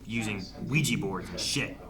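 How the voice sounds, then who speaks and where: An excitable reaction video host chatting casually, swearing and joking while commenting on a show. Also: medium pitch, normal speed, over a noisy crowd.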